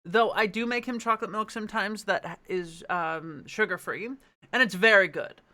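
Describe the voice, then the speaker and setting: A man's voice: sits high, moderate pace, pushed and bright. A man reading a storybook aloud and chatting casually, with a playful, sweary manner. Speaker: amateur book reader. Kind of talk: casual chat and storybook narration.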